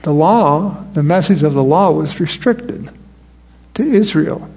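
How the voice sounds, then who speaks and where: A man delivers a sermon in an easygoing, conversational way, breaking off and restarting his phrases. His voice is slightly higher than most men's, with a gravelly edge and a husky texture. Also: animated, measured pace, darkish tone. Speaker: preacher.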